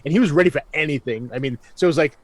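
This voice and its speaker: A man's voice: a little high, very fast. A man player rambling about his character's state of mind, acting out the character's inner thoughts. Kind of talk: casual banter at a game table.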